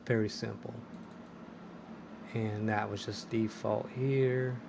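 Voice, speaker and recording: A man's voice: on the low side, flat delivery, slow, vocal fry, background noise. A man hosting a casual screen-recorded tech tutorial, hesitant and full of ums and restarts. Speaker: tech video host.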